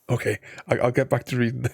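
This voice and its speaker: Halting man reading game dialogue, dry sound. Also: medium pitch, gravelly, darkish tone, husky, no room sound. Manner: chuckles often. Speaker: game streamer. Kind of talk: casual commentary, reading game dialogue aloud.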